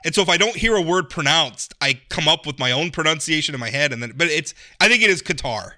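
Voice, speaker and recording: A man talking politics in a casual podcast discussion, emphatic and animated, with frequent restarts. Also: a little high, fast talker. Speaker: political commentator.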